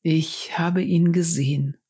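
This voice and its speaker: A woman reading the part of an old male shepherd who tells of a dream, speaking slowly and often in a hushed, half-whispered voice. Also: lowish voice, fairly even intonation, breathy edge, heavily acted. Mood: wondering, tender. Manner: slow, hushed, partly whispered.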